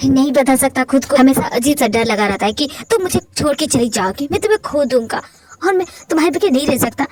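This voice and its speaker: A woman's voice: high voice, animated, fast talker, a little mellow, rough recording. A woman voicing an obsessive, possessive young mafia husband in a fan-fiction audio drama, pleading one moment and lashing out the next. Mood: desperate. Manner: pleading and possessive, swings to angry outbursts.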